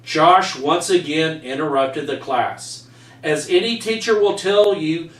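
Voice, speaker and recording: A middle-aged man, a teacher, reads his own story aloud with earnest effort, tripping over a few words. His voice runs on the high side and sounds a little bright. The microphone sits far away in an echoey room.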